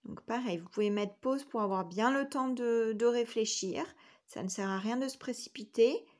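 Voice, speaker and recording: A woman's voice: a little high, normal speed, a little mellow. A woman teacher giving a recorded spelling lesson to young children, patiently sounding out each letter and syllable. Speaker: kindergarten teacher.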